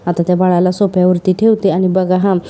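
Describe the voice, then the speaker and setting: A woman's voice: lowish voice, level tone, brisk, warm tone. A woman narrating a serial episode recap in a chatty storytelling way, with asides to her listeners.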